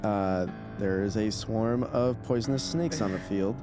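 A man with a fairly low voice works as game master for a tabletop role-playing game. He narrates slowly and deliberately, with clear music playing behind him.

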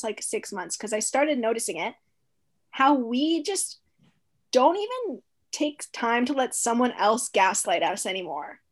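High-voiced young woman, animated chat. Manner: animated, emphatic, quick asides. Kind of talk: casual chat.

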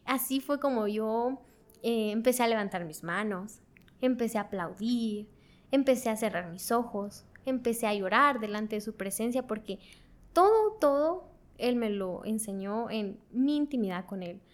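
A woman telling her faith story in a casual conversation, animated, acting out her own prayers and laughing often. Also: a little high, normal speed.

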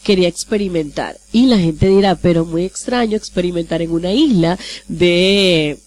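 A woman's voice: lowish voice, normal speed, a little mellow. A talkative middle-aged Venezuelan woman with a Maracaibo accent, a radio presenter being interviewed. She rambles happily, laughs at herself and corrects her own dates as she goes. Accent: Maracaibo Venezuelan Spanish. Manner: chatty, laughs easily, self-deprecating. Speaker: radio host, interview guest. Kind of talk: casual interview chat.

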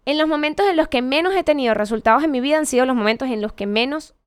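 A woman's voice: high voice, expressive, fast talker, clean tone, no echo, studio quality. A woman giving a conversational motivational talk, asking rhetorical questions and correcting herself as she goes. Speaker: motivational speaker.

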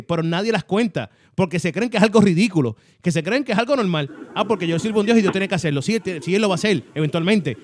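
Puerto Rican man, quick and high-pitched, animated host, dry close sound. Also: no echo. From Puerto Rico. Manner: animated, often asks "¿ah?" for agreement. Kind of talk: casual faith chat.

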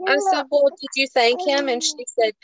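A woman's voice: sits high, moderate pace, highs cut off, crowd noise. A woman, earnestly telling a personal story in a casual faith chat. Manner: earnest, emotional storytelling, folksy. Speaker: co-host of a faith show.

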